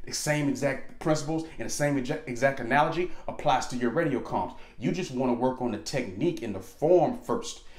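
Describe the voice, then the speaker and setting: An American man giving informal instructional talk in an animated, slangy and emphatic way, repeating points for emphasis. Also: medium pitch, fairly quick, few pauses. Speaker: aviation instructor, presenter. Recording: echoey room.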